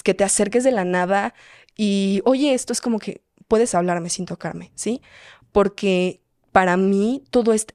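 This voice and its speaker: A woman's voice: medium pitch, a little mellow, no echo. Young woman telling a story, dry close sound. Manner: quick, halting, frequent restarts and "o sea". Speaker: podcast host. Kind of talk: personal storytelling.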